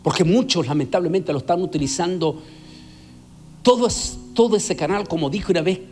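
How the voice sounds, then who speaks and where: A man's voice: high-pitched, fairly quick, a little mellow, soft background music. Emphatic evangelist man preaching. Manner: emphatic, repeats words for stress. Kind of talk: preaching sermon.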